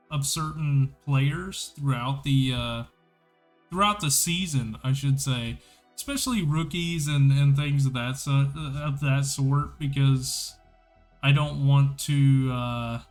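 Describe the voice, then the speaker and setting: An excitable male podcast host with a slightly higher voice, chatting casually about hockey on a livestream. He talks slowly and rambles as he goes, with faint music playing under his voice.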